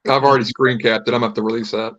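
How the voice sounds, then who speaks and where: A man's voice: medium pitch, fairly even intonation, racing, a bit bright, no room sound. A man co-hosting a casual live stream in a chatty, agreeable way, on slightly lo-fi call audio.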